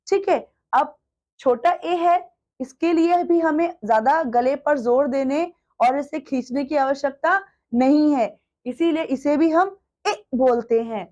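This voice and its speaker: Slow, patient woman teaching children. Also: sits high. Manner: slow, patient, drawn-out sounding of each letter; asks the children questions and answers them herself. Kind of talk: Hindi alphabet lesson for children.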